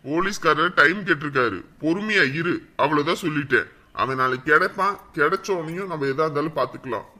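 Husband, firm reassuring manner, very bright tone. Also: male voice, a little high, fairly quick. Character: steady village husband calming his wife. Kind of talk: village web-series drama.

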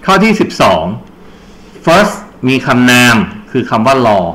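A man's voice: mid-range voice, very animated, takes it slowly, a bit bright. A man teaching an English grammar lesson for exam preparation, explaining step by step and quizzing his students with prompts. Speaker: English tutor.

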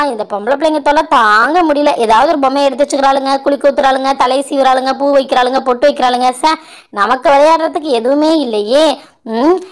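A woman doing a fast, restless boy. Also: high voice, natural voice. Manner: fast, grumbling. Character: restless boy bored by girls' games. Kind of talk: doll-show voice acting.

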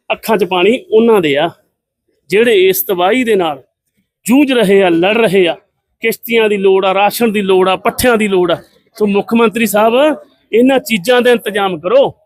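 Middle-aged man, political speaker; high voice, close and dry sound, scornful and combative. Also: dry recording. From Punjab, India. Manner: combative, scornful, rhetorical questions. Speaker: politician giving a press statement. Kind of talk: impassioned political statement to press.

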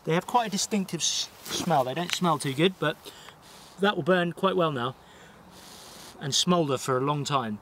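A young man calmly explaining bushcraft fire lighting step by step while he works, recorded outdoors at a woodland camp on a nearby camera mic. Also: a little high, a little hiss or hum. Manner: explains steps calmly while working with his hands, pauses to blow on embers. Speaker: bushcraft host. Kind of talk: instructional outdoor vlog.

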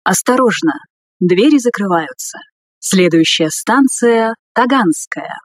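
A woman reading scripted subway announcements in a formal, measured way. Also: medium pitch, animated, no echo, clean studio sound.

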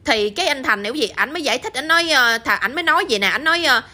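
Southern vietnamese woman telling a story, chatty, high quick voice. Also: lively intonation, pushed and bright. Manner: chatty, addresses listeners often with tag questions. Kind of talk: casual spoken storytelling.

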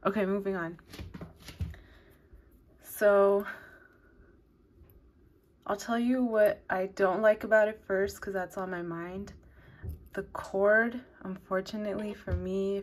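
Slow, easygoing woman rambling through a review. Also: medium pitch. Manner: rambling, loose, lots of "like"; self-described advanced beginner knitter. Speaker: knitting channel host reviewing needles. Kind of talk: casual unscripted product review.

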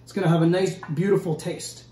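Middle-aged man, home cooking host, fairly high voice, easygoing instructions, echoey kitchen, camera mic at a distance. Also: level tone, fairly quick, dark tone, slight background noise. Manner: easygoing step-by-step instructions, often checks in with okay. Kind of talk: casual cooking demonstration.

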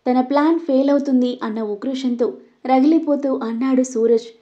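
High-voiced woman storyteller. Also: fairly even intonation, moderate pace, mellow. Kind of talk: scripted story narration. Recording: dull lo-fi recording.

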